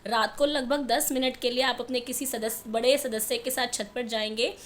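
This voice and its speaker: High-voiced woman teacher explaining patiently. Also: fairly even intonation. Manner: patient, step-by-step, repeats answers slowly. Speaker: primary school teacher. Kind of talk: explaining a textbook lesson to children.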